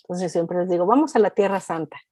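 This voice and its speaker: Animated Mexican woman telling stories. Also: lowish voice, fast talker, no echo. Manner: animated anecdote-telling, acting out quoted voices. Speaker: culture reporter, interview guest. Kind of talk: casual storytelling interview.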